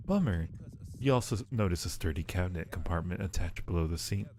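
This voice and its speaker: Speaking fast and animatedly, this streamer has a deep, slightly mellow voice, and the recording carries a little hiss or hum. He's livestreaming a horror game with its music in the background, bantering playfully with viewers, muttering, and reading the screen text aloud.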